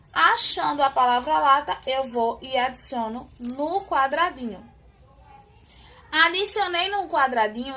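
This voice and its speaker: A woman teacher explaining a classroom word activity step by step, slowly and patiently. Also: sits high, bright, forceful tone.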